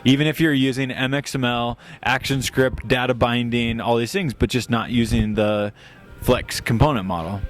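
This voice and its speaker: A man's voice: mid-range voice, fairly even intonation, moderate pace, soft background music. A man hosting a casual podcast, steering the talk with a dry manner.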